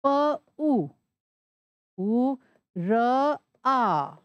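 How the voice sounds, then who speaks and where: A woman's voice: on the high side, very animated, very slow, no room sound, dull audio. A woman teaching Sanskrit, spelling words out letter by letter and asking and answering her own questions. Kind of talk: classroom explanation.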